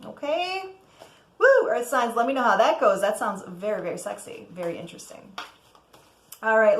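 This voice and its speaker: Woman, tarot reader, casual chat, chatty, cheerful whoops, roomy echo. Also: mid-range voice. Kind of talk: casual tarot reading to camera.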